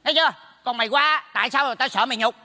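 A meddling neighbor teases and mocks in quick bursts with a Southern Vietnamese accent. His voice sits high and sounds bright. He keeps up a stage comedy sketch's brisk banter. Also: big-room sound, full character voice. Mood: mocking. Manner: quick, mocking teasing. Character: meddling, teasing male neighbor.

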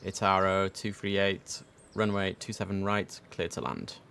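A man with a croaky early-morning voice, chatting on a live stream while giving air traffic control calls. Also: sits low, level tone, unhurried. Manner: chatty, mixes slang with controller phraseology. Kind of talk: casual live-stream commentary with radio calls.

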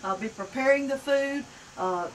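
A middle-aged woman talks up her college as a guest, articulate and upbeat with a few hesitations. Her voice is a touch high, caught from a distance outdoors with faint background noise. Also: moderate pace. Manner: articulate, promotional, with fillers. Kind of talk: casual interview chat. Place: outdoor patio set with garden.

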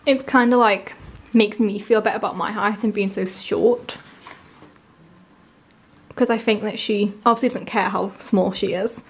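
A woman with a sore, swollen-tonsil voice from tonsillitis, chatting casually and gushing excitedly as she hosts an unboxing. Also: mid-range voice, unhurried, long pauses. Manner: gushing, enthusiastic. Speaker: unboxing video host.

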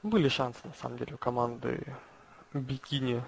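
A man's voice: mid-range voice, steady tone, fairly quick, vocal fry, a little hiss or hum, rough recording. A man doing casual live game commentary as a match caster, with a lisp that turns his s into a slushy sh.

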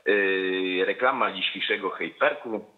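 A male caller with a Polish accent rings in over a tinny phone line. His voice sits low. He talks hesitantly and fills gaps with drawn-out sounds. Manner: hesitant, full of filler sounds.

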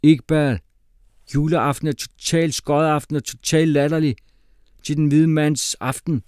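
A man voicing a brash, cocky schoolboy who talks in slang and shouts. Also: fairly high pitch, steady tone, clean tone, no room sound, studio quality, pitched above the performer's own voice, close to an everyday voice.

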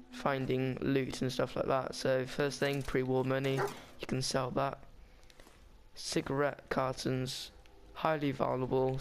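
A man talking casually over a game walkthrough, rambling and chatty with frequent restarts. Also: medium pitch. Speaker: gaming guide maker.

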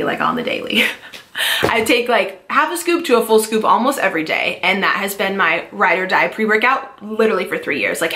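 Fast, chatty fitness vlogger woman. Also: medium pitch, pushed and bright, roomy sound. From California. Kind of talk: casual product-review vlog.

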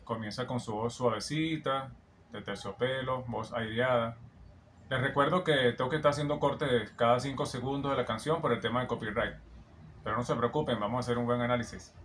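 Over a song playing in the background, a vocal coach gives reaction and analysis commentary in a brisk, mid-range, slightly bright voice, with a little hiss or hum on the track. He sounds admiring as he explains technique and frequently sings bits of the performance himself.

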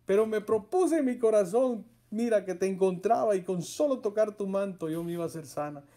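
A man voicing a sick woman who earnestly pleads with her teacher, spoken softly in his own voice. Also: mid-range voice, expressive, fairly quick, close to an everyday voice. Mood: pleading.

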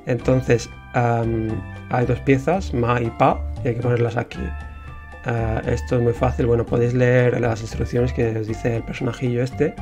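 Young man, Spain Spanish accent, developer talking about his game, mid pitch, rambles, faint music bed. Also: normal speed. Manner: relaxed and rambling, with many fillers. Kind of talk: casual talk on the history of his game.

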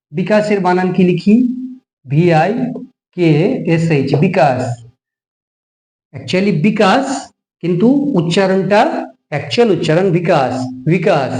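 A man's voice: high voice, mellow, echoey room, low-quality recording. A man teaching a grammar lesson, explaining patiently and repeating words for emphasis.

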